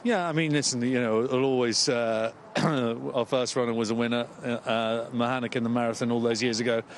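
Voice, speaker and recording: A man speaking as a horse trainer in a short live interview, hesitant and full of pauses. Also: medium pitch, steady tone, a little hiss or hum. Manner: hesitant, many pauses and fillers.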